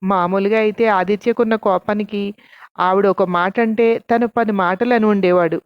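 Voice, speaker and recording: A woman's voice: medium pitch, steady tone, moderate pace, clean tone, dry recording. A woman narrating a story and reading the characters' lines herself with light voicing. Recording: dull, dry lo-fi sound.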